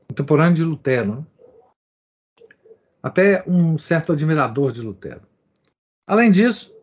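A man with a somewhat high voice reads a text aloud in lecture style. He marks quotations, then adds loose spoken asides and keeps dropping in little tag questions. The recording sounds dull and lo-fi. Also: darkish tone, slightly rough. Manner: reads quoted passages, adding asides and verbal tics like "né?". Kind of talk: reading and commenting on a text.

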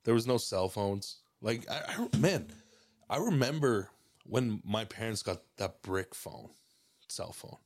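A man from Mexico, a podcast guest, talking in a relaxed, rambling way with lots of fillers and restarts. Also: on the low side, measured pace, no echo, studio quality. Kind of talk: casual podcast chat.

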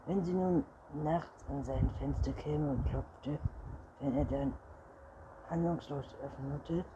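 A man narrating a children's story aloud in a lively reading style. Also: fairly high pitch, takes it slowly, muffled recording. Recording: noisy recording.

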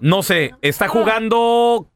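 Animated man, high lively voice. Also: takes it slowly, smooth, dry recording. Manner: animated, playful storyteller. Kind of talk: comic radio banter.

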